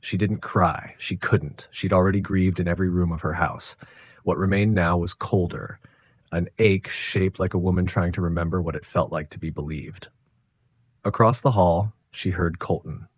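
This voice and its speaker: A man narrating a dramatic life story in a scripted, slow and measured way. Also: low voice, fairly even intonation, slightly rough, dry recording.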